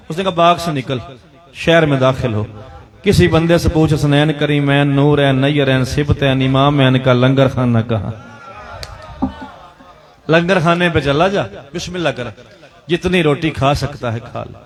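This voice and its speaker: A man with a Punjabi accent reciting a Shia majlis sermon, telling a story in mixed Urdu and Punjabi and calling out to the crowd. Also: a little high. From Pakistan. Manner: mixes Urdu and Punjabi, dramatic storytelling with chanted calls to the crowd.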